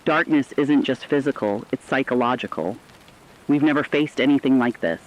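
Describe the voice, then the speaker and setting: The recording sounds like dull lo-fi radio as a man in the role of a news correspondent, alarmed and earnest, delivers scripted news seriously, articulately and emphatically. He uses a natural, mid-range voice at a moderate pace.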